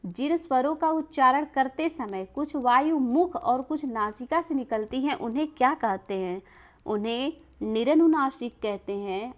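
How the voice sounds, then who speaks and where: हिंदी में पढ़ाती ऊँची आवाज़ वाली महिला. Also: female voice, on the high side. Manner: repeats each question and answer, asks rhetorical questions. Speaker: exam prep teacher. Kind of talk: explaining quiz questions to students.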